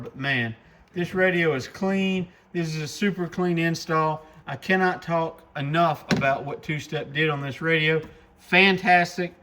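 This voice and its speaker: In a fairly bright, slightly high voice, a man demonstrates gear with a relaxed, folksy enthusiasm. He addresses his regular viewers informally, as a shop presenter would.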